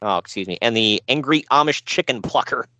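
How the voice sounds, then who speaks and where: A man's voice: medium pitch, lively intonation, a little fast, pushed and bright, no echo. A man co-hosting a podcast, recapping a show with dry sarcasm and frequent laughs. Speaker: podcast co-host. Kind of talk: casual chat.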